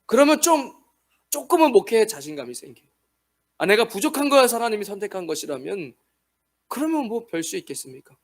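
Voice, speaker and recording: High-voiced male pastor preaching dynamically. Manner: dynamic preaching, acting out imagined dialogues with shifting loudness. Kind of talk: sermon.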